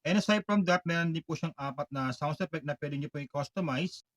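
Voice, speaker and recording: A man's voice: fairly high pitch, fairly bright tone, no room sound. Polite man explaining gear step by step. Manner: polite and explanatory, with frequent filler pauses. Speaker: product demonstrator. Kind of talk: product walkthrough tutorial.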